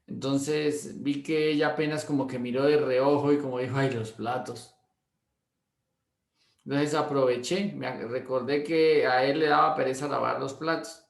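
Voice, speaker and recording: A man's voice: mid-range voice, fairly even intonation, normal speed, vocal fry, hardly any pauses. A pastor teaching a class through a long anecdote, acting out the dialogue and often repeating his words. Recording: roomy echo.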